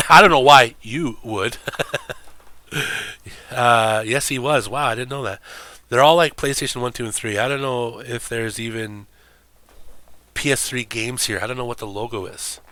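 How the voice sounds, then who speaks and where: Bright-voiced profane male streamer. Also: mid-range voice, steady tone, normal speed, dry recording. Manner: rambling, profane, laughing often. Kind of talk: casual stream commentary.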